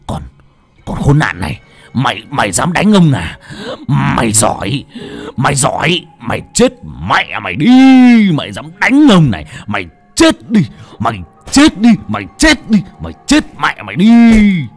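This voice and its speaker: A man's voice: low-pitched, expressive, slow, creaky, pauses often, a little mellow, slightly rough, soft background music, pitched below the performer's own voice, full character voice. A man voicing a brutal old village father who stammers and repeats his words. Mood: furious rage.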